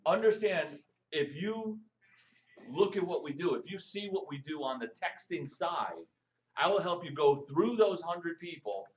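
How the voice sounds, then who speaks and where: A man coaching a live audience on texting for network marketing, lively and jokey, firing questions at the room. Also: fairly high pitch, lo-fi sound. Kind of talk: live stream training talk to an audience.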